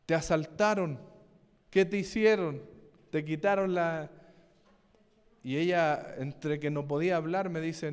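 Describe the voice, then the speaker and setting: A pastor preaches, weaving a personal story into his sermon and checking in with the congregation. His voice sits a little high for a man, and the sound rings with the long reverb of a church hall. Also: clean tone. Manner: storytelling, asks the congregation questions.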